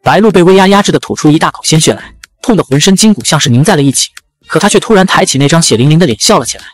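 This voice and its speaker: A man narrating a dramatic fantasy audiobook in a brisk storytelling manner. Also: a little high, animated.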